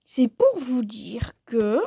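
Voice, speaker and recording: A woman talks over her mobile game in a high, mellow voice, unhurried and playful. She rambles and pokes fun at herself, and the recording is dry and close. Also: big pitch swings, creaky, husky, dry recording. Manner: playful, rambling and self-mocking. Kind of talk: casual gameplay commentary.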